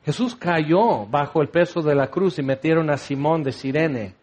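High-voiced man preaching a sermon. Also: moderate pace, darkish tone. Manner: teaching, rhetorical questions, acts out quoted voices.

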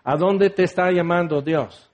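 A man preaching a sermon in an animated, conversational way with jokey asides. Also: high voice, measured pace.

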